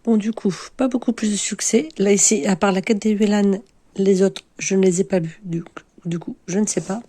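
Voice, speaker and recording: A woman's voice: mid-range voice, fairly even intonation, moderate pace, dark tone. A woman in her forties from France, chatting casually to camera in a rambling, self-mocking way with many hesitations. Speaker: book vlogger.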